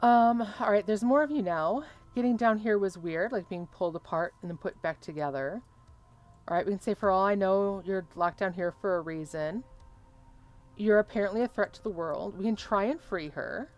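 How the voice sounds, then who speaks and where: A woman's voice: medium pitch, normal speed. A woman commentating casually on a game as a streamer, reading dialogue choices aloud. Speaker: gaming streamer.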